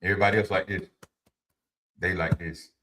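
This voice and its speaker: Over a noisy background, a man in his fifties runs a livestream full of casual, sermonizing advice, repeating himself and fielding chat comments. His deep voice moves little in pitch and the delivery is brisk.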